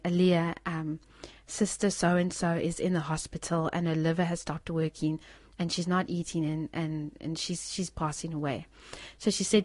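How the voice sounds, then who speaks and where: A woman's voice: on the low side, no room sound. A woman giving an informal sermon and sharing a testimony in an earnest way, often restarting her sentences. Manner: earnest, with repeated restarts and soft laughs.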